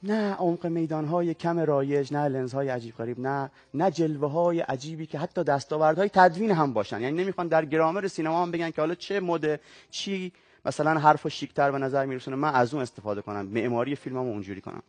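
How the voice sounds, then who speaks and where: A man being interviewed as a guest, who talks about books and film in a reflective, measured way and reads aloud. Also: fairly high pitch, no room sound. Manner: reflective, measured literary talk. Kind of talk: talk show interview and reading aloud.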